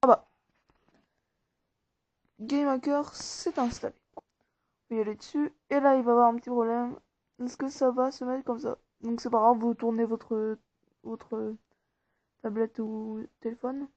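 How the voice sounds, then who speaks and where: High-voiced woman giving a rambling tutorial. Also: level tone, a little slow, pauses often, a little mellow. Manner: informal, rambling, talks through each step. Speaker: tutorial maker. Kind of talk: casual step-by-step app tutorial. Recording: dull, dry lo-fi recording.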